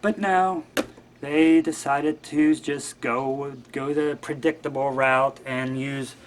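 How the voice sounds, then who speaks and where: A man's voice: mid-range voice, fairly even intonation, slow pace, slight background noise. A man guest-hosting a show, talking in a rambling, wry and offhand way. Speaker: guest host. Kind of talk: casual monologue.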